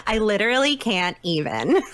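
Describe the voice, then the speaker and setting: A woman's voice: medium pitch, big pitch swings, normal speed, a bit bright, a little hiss or hum. A woman voicing a vain, sassy teenage social media diva in a video game, with an exaggerated valley-girl drawl. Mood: exasperated sass. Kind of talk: video game character catchphrases.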